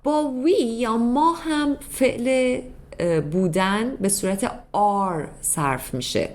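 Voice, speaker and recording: A woman's voice: fairly high pitch, a little mellow. A woman teaching a beginner English grammar lesson in Persian, patiently explaining step by step and repeating examples. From Iran.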